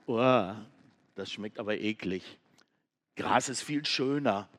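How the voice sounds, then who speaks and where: A man voicing a stubborn young female goat who insists she is a lion, loud and insistent. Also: lowish voice, unhurried.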